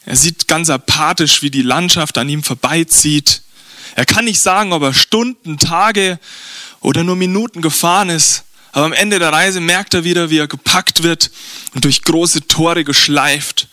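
A man with a high, bright voice tells a Bible story dramatically. His delivery is vivid and theatrical, and the sound is dry and close to the mic. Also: dry recording. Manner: vivid and theatrical, slowing for effect. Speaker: preacher.

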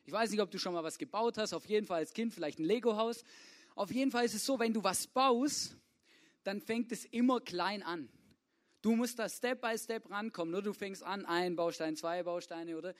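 Casual preacher, high voice. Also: male voice, normal speed. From Swabia, Germany. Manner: casual, informal, keeps asking "oder?". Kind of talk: youth sermon.

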